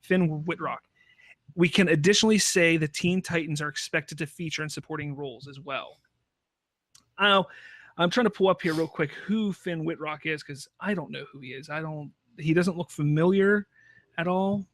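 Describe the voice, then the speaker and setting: A man hosting a podcast, chatting casually about film news in a halting way with repeated restarts. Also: fairly high pitch, fairly bright tone, dry recording. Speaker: podcast host.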